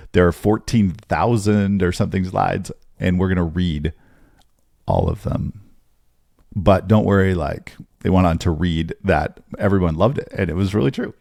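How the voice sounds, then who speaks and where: Deep-voiced, chatty male podcast host. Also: vocal fry, no room sound, clean studio sound. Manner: energetic, chatty, laughs often, calls listeners "man". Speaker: podcast host and business coach. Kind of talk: casual podcast monologue.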